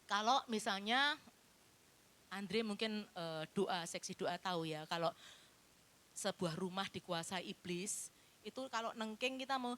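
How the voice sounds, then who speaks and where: A woman's voice: mid-range voice, a little slow, pauses often, fairly bright tone. A woman evangelist, preaching a chatty sermon and teasing members of the congregation by name.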